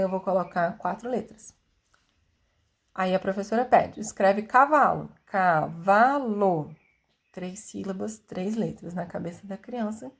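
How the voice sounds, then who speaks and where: A woman with a mid-range pitch teaches a lesson on how children learn to write. She explains in a clear, didactic way. She sounds out syllables and acts out a child's reasoning. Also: darkish tone. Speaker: teacher explaining literacy theory.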